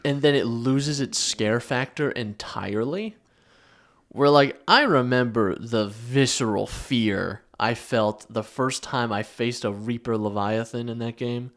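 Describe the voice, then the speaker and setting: A man's voice: medium pitch, unhurried, a bit bright. Rambling, swearing young man podcaster. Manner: rambling, swears casually, restarts sentences. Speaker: podcast co-host. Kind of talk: casual chat.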